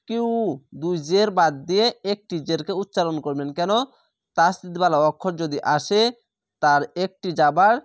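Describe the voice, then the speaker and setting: A man teaching a Quran reading class, spelling each word syllable by syllable and then reciting it slowly and drawn out. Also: fairly high pitch, no echo, studio quality.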